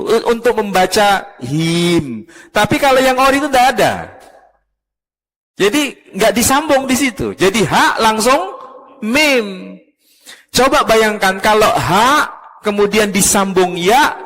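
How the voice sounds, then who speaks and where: A man from Surabaya, a professor giving a religious lecture to a live audience. He teaches in a lively way and keeps quizzing the listeners. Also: sits high, long reverb tail, rough recording. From Surabaya, East Java, Indonesia.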